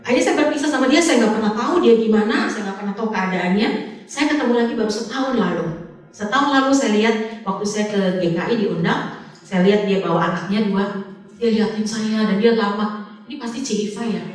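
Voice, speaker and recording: A middle-aged woman telling a lively personal story in a church talk, acting out the dialogue as she goes. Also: medium pitch, quick pace. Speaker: Sunday school teacher and guest speaker. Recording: echoey hall, voice from far off.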